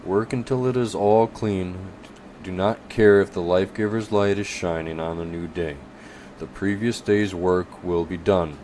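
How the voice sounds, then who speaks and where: A man's voice: sits low, steady tone, a little slow, a little mellow, a little hiss or hum. A man voicing a large, burly, stern butcher in an audiobook, speaking in a grumbling way. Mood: gruff.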